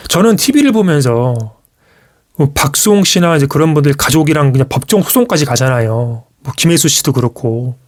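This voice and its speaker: A man's voice: a little high, fairly quick. A man streaming live, telling a personal story to his viewers in casual speech with frequent restarts, acting out what others said. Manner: animated storytelling, acts out quoted parents. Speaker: YouTuber.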